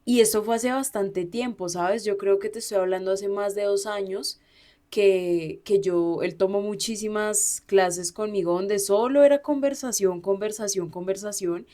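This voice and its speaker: A woman's voice: mid-range voice, steady tone, unhurried, mellow. A woman who teaches Spanish, co-hosting a podcast in casual conversational chat, telling a story fluently with small restarts.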